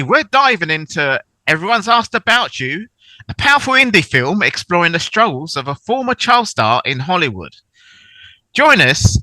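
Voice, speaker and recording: London man, podcast host; bright, animated, dry close sound, jokey. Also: high voice, dry recording. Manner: jokey, laughs often, bouncy delivery. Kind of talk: chatty interview hosting.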